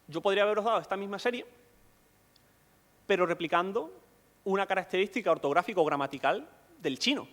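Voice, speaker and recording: Male lecturer, fairly high voice, patient explainer, echoing hall sound. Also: fairly bright tone. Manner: explanatory, asks rhetorical questions. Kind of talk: conference lecture.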